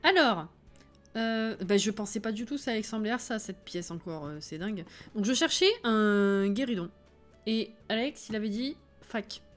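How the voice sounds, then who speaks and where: A woman's voice: mid-range voice, expressive, moderate pace, soft background music. A woman streaming a life-sim game, chatting casually with her viewers, laughing often and reading chat messages aloud. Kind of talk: casual live-stream chat while playing.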